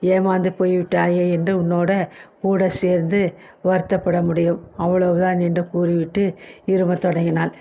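A woman reading a novel aloud as narrator, steady, with small slips and restarts. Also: on the low side, moderate pace. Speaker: story narrator.

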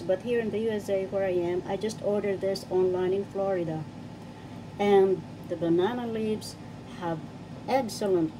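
An older woman from the Philippines, cheerfully talking through a home cooking demonstration and listing each ingredient. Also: medium pitch. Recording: home recording with audible background noise.

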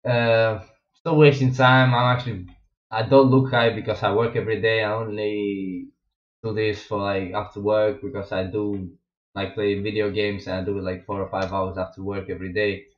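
This is a young man originally from Russia, accented, chatting as a streamer in his gaming room and rambling with frequent fillers and false starts. He speaks at normal speed in a lowish voice with little pitch movement. The sound comes through a wireless headset and has an echoey, dull lo-fi home-mic quality.

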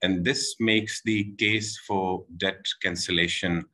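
A man in his forties from Pakistan, giving a measured panel talk over a video call, with many pauses and restarts. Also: low-pitched, fairly even intonation, bright, forceful tone, low-quality recording. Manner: measured, with frequent filler "uh" and restarts. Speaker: panel speaker. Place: room at home with window. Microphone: video call, laptop camera.

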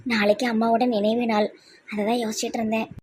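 A woman playing a gentle young adult daughter with a Tirunelveli Tamil accent, speaking softly and pleadingly. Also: fairly high pitch, level tone, fast talker, a little hiss or hum, natural voice. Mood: sad. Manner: soft, pleading.

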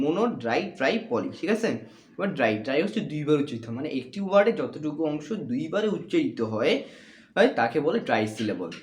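Man, teaching a lesson, quizzes himself and repeats, fairly high voice, echoey room with faint hiss. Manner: repetitive, asks and answers own questions.

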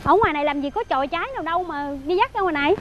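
A woman's voice: very high-pitched, animated, muffled recording, slight background noise. An actress playing an outspoken young woman with a Southern Vietnamese accent who scolds a man and cries out for a boy she protects. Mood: indignant. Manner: scolding, quick to cry out. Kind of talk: TV drama acting. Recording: film dialogue under background music.

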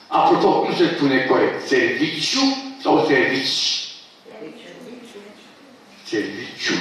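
At a book launch, an older man lectures on his own books, fussily correcting how words are used and erupting with forceful objections. His mid-range voice has a fairly bright tone, and the distant mic in a very echoey hall picks up a slight hiss or hum.

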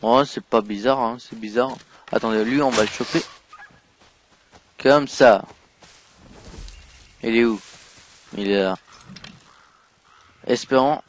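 A man commentates his own gameplay in an excitable way, dropping to mumbled asides and then jumping to loud outbursts. His voice sits at a middle pitch for a man. Faint hiss and mouse clicks run under the recording. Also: slow, pauses often. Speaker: gaming YouTuber. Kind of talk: let's play commentary.

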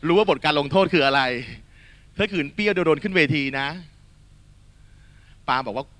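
A man teaching a lively exam-prep lesson to a hall of students, quizzing them and calling them "child" in a coaxing, energetic manner. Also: on the high side, a little fast. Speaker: Thai tutor.

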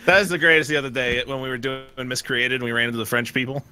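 A man hosting a live game stream, reacting excitably and chatting casually with friends. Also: medium pitch, very fast, a little hiss or hum. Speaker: streamer host. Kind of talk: casual gaming chat.

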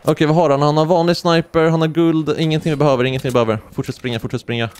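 A young man from Sweden commentating his own gameplay live, excitable and quick to yelp when something surprises him. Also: smooth. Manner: excitable, swings into high-pitched yelps when surprised. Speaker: gaming streamer.

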